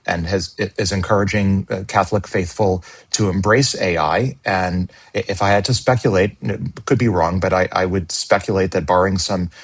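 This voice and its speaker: Podcast panelist, male, lowish voice, stammering restarts, speculative tone. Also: steady tone, moderate pace, few pauses. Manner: stammering word repeats, speculative. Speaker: regular panelist on a tech podcast. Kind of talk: casual panel discussion.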